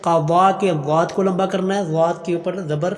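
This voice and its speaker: A man teaching Quran pronunciation, chanting verses slowly and melodically, then explaining each letter quickly in plain speech. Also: high voice, steady tone, big-room sound. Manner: slow melodic recitation alternating with quick explanation.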